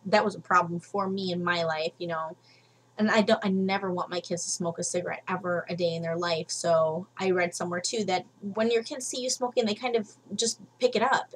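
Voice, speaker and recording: Frank, chatty young woman with a husky voice. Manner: chatty, frank, lots of fillers. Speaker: vlogger. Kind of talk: casual advice vlog. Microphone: webcam. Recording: low-quality home webcam recording.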